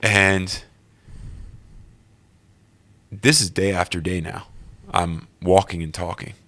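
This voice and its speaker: A man telling his own personal story in an earnest, animated way during an interview. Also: low voice, takes it slowly. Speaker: guest.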